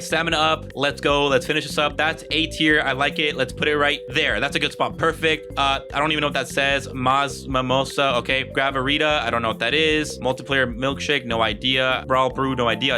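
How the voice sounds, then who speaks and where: A man giving casual, rambling gameplay commentary as he ranks items, joking and swearing often. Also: mid-range voice. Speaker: gaming video creator. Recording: faint guitar music behind.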